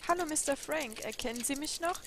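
A woman's voice: high voice, a little fast, voice pushed up. Woman voicing a polite young game hero. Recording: audible background noise.

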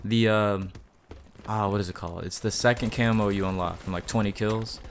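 A young man casually commentating his own gameplay, excitable and given to sudden yelling at teammates. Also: lowish voice, normal speed, slight background noise. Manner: excitable, yells at teammates and shouts in bursts. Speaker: gaming YouTuber.

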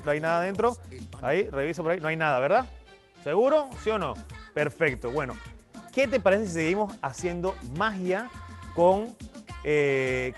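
A man with a Panamanian Spanish accent performing as a children's party magician on a live stream, showy and playful as he cheers on the audience. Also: fairly high pitch.

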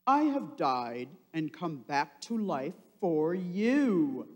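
A woman reading the part of a calm, patient risen Jesus from a children's Bible storybook. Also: fairly low pitch, extremely slow, highs cut off, heavily acted. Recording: long hall reverb.

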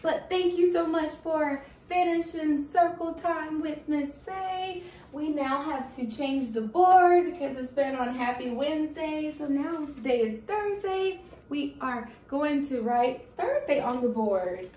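A woman's voice: high-pitched, a little slow, a little mellow, slight background noise. A young woman leading a preschool circle time in a sing-song, encouraging kindergarten teacher voice, addressing small children. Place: small classroom-like room indoors. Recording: echoey room, distant microphone.

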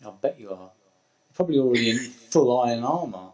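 A man's voice: mid-range voice, lively intonation, fast talker, darkish tone, rough recording. Young man muttering through a game. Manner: wry, muttering to himself while playing. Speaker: streamer playing as a hunter. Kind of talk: casual gaming chat.

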